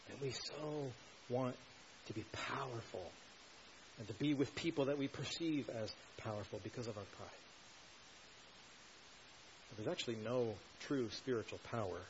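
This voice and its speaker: A man's voice: medium pitch, darkish tone, lo-fi sound, slight background noise. A male pastor preaching an earnest sermon, building to emphatic rhetorical questions.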